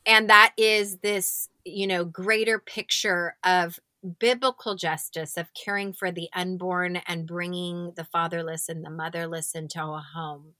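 A woman's voice: fairly low pitch, steady tone, a little slow, no room sound. A woman hosting a faith podcast, introducing her guest and affirming her with frequent murmurs. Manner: warm affirming, frequent mm-hmms. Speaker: podcast host. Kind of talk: interview introduction.

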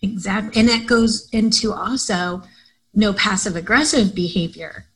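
A woman co-hosting a casual podcast discussion, with a voice of middling pitch. She explains her points in a calm, measured way. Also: poor audio. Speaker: podcast co-host.

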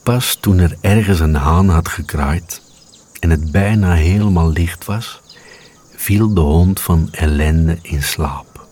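A man calmly reading a storybook aloud as narrator. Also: sits low. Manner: calm, unhurried reading.

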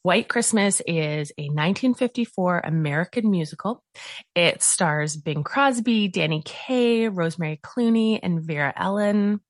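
A woman's voice: fairly low pitch, animated, a little slow, no room sound, studio quality. A woman hosting a solo podcast in a casual, chatty way, gushing with enthusiasm. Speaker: podcast host.

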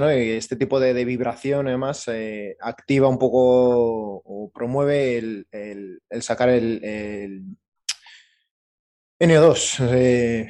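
A man's voice: mid-range voice, warm tone. A man hosting an interview podcast, informally feeling his way through his questions in a conversational style. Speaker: podcast host.

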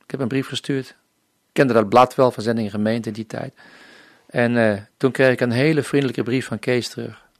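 A man from the Netherlands shares his missionary testimony in an interview, speaking earnestly and acting out the conversations he remembers. His voice sits in an ordinary middle pitch. The recording is dry and close, with no room echo. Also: fairly even intonation, normal speed. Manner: earnest storytelling, often acting out remembered dialogue. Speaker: missionary guest. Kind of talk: personal faith testimony in an interview.

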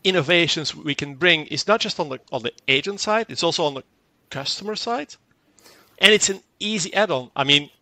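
A man whose first language is Dutch, a guest from a tech company, describes a technical product in an interview. His bright, forward voice is fairly high, animated and a little fast, and the close, dry recording has no echo. He speaks fluently while doubling up words and acting out short exchanges.

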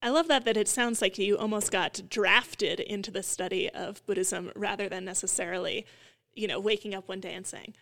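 A woman's voice: mid-range voice, steady tone, normal speed, vocal fry, a bit bright. A woman hosting an interview podcast, talking in a chatty conversational way with frequent fillers. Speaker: podcast host.

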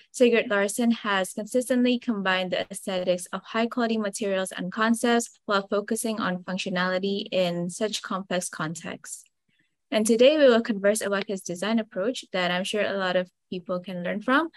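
A woman hosting an interview, polite and measured as she introduces her guest. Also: mid-range voice, dry recording. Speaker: interviewer, host.

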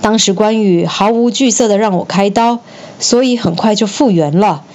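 A woman's voice: medium pitch, moderate pace, darkish tone, muffled recording, slight background noise, natural voice. A woman voicing an earnest, self-assured old male physician in a children's story reading. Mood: pleading. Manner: self-assured, then pleading.

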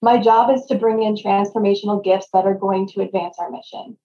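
A woman's voice: mid-range voice, steady tone, a little fast, mellow. A woman speaking as a consultant guest in a conversational podcast interview, on a roomy, slightly dull recording.

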